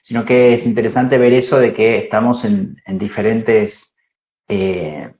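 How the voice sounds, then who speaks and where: A man's voice: lowish voice, fairly even intonation, unhurried. A man hosting a casual spiritual conversation, reflective, ending many phrases with a questioning tag. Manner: reflective, lots of "¿no?" tags. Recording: dull echoey room sound.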